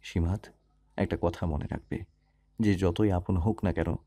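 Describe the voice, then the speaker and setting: A man voicing a calm, caring young husband in an audio love story, speaking gently and steadily. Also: sits low, measured pace, no echo, clean studio sound. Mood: tender.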